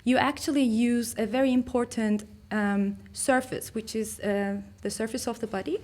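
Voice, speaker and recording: A woman's voice: a little high, steady tone, normal speed, darkish tone. Woman giving a talk. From Turkey. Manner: hesitant, many fillers and restarts. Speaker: artist and researcher giving a talk. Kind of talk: conference talk.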